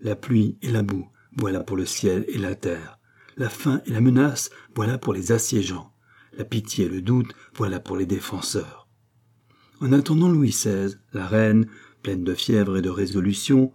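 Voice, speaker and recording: A man reading a classic novel aloud in a measured, steady narration. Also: lowish voice, husky. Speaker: audiobook reader.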